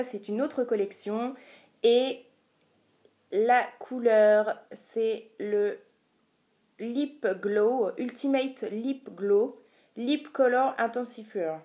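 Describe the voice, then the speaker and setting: Mellow-voiced woman chatting through a haul. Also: on the high side, takes it slowly. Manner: chatty, hesitant, many filler sounds. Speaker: beauty vlogger. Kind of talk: casual product haul vlog.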